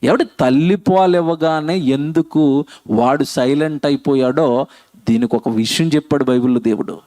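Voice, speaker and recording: A man preaching a sermon at a public meeting, animated, asking the crowd questions and reading Bible verses aloud. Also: a little high, moderate pace, no echo.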